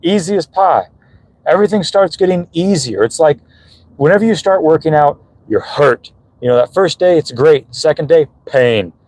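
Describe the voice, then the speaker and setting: A man's voice: a little high, lively intonation, moderate pace, a little mellow, dry recording, poor audio. Earnest young man giving a pep talk. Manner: earnest, emotional, swearing casually. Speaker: vlogger. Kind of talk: motivational talk to viewers. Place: gym. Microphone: phone.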